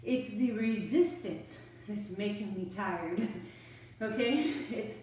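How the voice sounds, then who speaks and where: A woman's voice: mid-range voice, expressive, takes it slowly, darkish tone, a little hiss or hum. A middle-aged woman giving casual workout instruction while exercising at home, chatty and short of breath between bursts. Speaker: fitness instructor. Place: home room near stairs. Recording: echoey room, camera far off.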